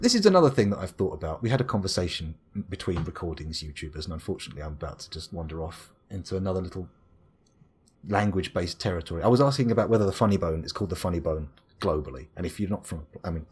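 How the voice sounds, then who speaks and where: An English gaming streamer with a low-pitched, slightly rough voice talks fast while playing live and reading his chat aloud. He rambles, jokes and mocks himself, swinging lively into exclaimed bits.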